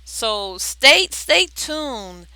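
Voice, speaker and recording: A person giving an impromptu religious exhortation like a video diary, pleading earnestly and urgently, often repeating words in a halting way. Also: mid-range voice, very animated, pushed and bright, clean tone, no room sound. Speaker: video diarist sharing prophetic dreams.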